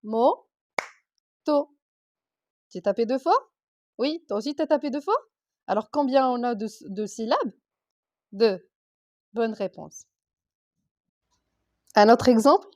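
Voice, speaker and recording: A woman teacher, slowly sounding out letters, sounds and syllables for young children in a reading lesson. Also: fairly high pitch, darkish tone. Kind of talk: primary school reading lesson.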